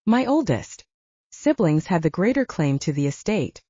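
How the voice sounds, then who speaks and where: Here a woman with a fairly low, mellow, very animated voice plays the same kind of role: a wounded, self-reliant human ranger in audiobook dialogue. She speaks at a moderate pace, bitter and candidly confiding, on dull audio without room sound.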